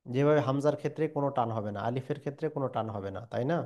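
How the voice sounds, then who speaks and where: Slow, patient male reading teacher. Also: medium pitch, warm tone, dull audio. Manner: slow, drawn-out syllable drills with frequent pauses and fillers. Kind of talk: recitation lesson.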